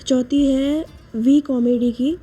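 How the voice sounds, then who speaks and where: A woman's voice: sits high, steady tone, slow pace, warm tone, husky. A woman telling a love story in a casual, chatty way and reading out viewers' verses, repeating each verse twice.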